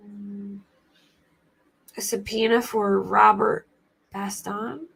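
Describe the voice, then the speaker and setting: A woman's voice: medium pitch, little pitch movement, slow pace, vocal fry, fairly bright tone, husky. A woman with an American accent and a scratchy voice, hosting a casual livestream and rambling informally as she thinks aloud. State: scratchy voice today. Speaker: livestream host commenting on true crime cases. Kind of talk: casual livestream chat commentary.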